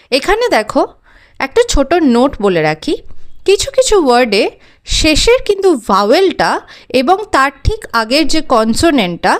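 A woman teaching English grammar, asking and answering her own questions and spelling words out letter by letter. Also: sits high. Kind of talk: explaining grammar with examples.

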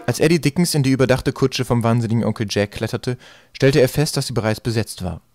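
A man reading an audiobook in a lively, expressive way. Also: medium pitch, quick pace, soft background music. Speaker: audiobook reader. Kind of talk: scripted narration.

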